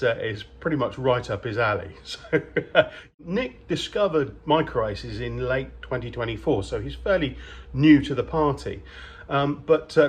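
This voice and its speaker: A man's voice: medium pitch, breathy edge. A man giving a casual video update from his workbench on his model kits, talking hesitantly with many ums and restarts. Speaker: model kit maker. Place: workbench in a workshop.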